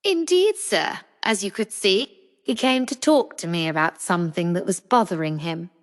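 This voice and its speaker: A woman voicing a sharp young female apothecary, dry and matter-of-fact. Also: mid-range voice, lively intonation, normal speed, long reverb tail, close to an everyday voice.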